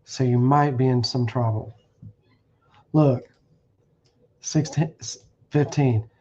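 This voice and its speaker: A man's voice: mid-range voice, fairly even intonation, slow pace, a little mellow, dull audio. A man preaching bluntly on a stream, warning listeners and reading verses aloud with restarts. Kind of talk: streamed scripture teaching. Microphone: streaming setup.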